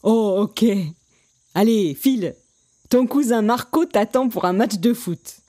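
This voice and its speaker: A woman voicing a doting, affectionate aunt with a fond, drawn-out voice. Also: a little high, dark tone.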